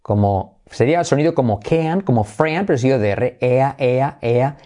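Lively Spanish-speaking man teaching English. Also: mid-range voice, normal speed. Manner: lively, demonstrates sounds by repeating them and humming songs. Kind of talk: casual video lesson.

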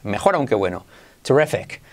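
Animated teacher from Spain. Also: male voice, lowish voice, a little hiss or hum. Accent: Spain Spanish. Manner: enthusiastic, self-described exaggerated, drills words slowly for repetition. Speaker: English teacher. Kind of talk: online language lesson.

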